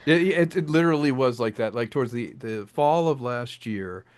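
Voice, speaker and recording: This man speaks in a smooth, mid-range voice at a moderate pace. He's a director and writer chatting casually about his audio drama in an interview, animated throughout, breaking into voiced quotes and laughing between ideas. The recording is dry.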